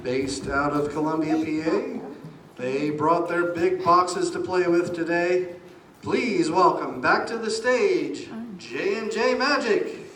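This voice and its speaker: A man making stage introductions in a high voice, stretching out his words like a showman. The room echoes around him and there is clear background noise. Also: a bit bright. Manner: drawn-out showman delivery. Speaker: show announcer.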